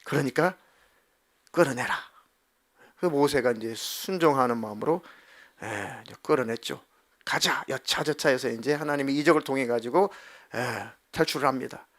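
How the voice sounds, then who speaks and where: A man preaching a sermon as pastor, telling the story with lively acted-out voices. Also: mid-range voice, normal speed. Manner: animated storytelling, acting out voices of God and the people.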